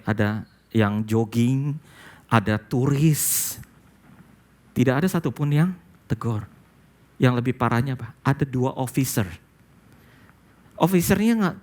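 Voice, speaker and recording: A male pastor preaching a sermon, telling a story with dramatic swings between hushed lines and emphatic outbursts. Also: medium pitch. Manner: storytelling sermon, addresses listeners as "saudara", mixes in English quotes.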